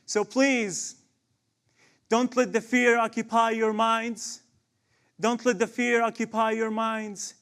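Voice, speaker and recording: A young man from the West Bank in Palestine performs spoken word poetry with fierce conviction, building each section to a repeated rhetorical refrain. His voice is notably high for a man, a bit bright and smooth, delivered slowly and flatly.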